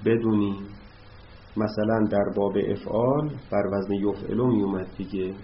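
A man teaching an Arabic grammar lesson, explaining word patterns slowly and patiently as he writes examples on a board. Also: on the low side. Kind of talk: classroom lesson. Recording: dull lo-fi recording with faint noise.

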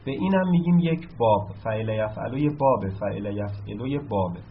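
A man's voice: mid-range voice, big pitch swings, a little hiss or hum. A man teaching a lesson, explaining patiently and asking himself questions before answering them. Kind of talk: recorded lesson on Arabic verb patterns. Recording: slightly dull sound, faint room ambience.

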